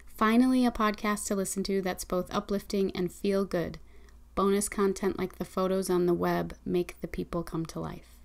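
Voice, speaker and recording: A woman hosting a podcast, reading listener reviews and introducing the guest in a friendly, unhurried way with occasional ums. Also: medium pitch, steady tone, gravelly, darkish tone. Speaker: podcast host.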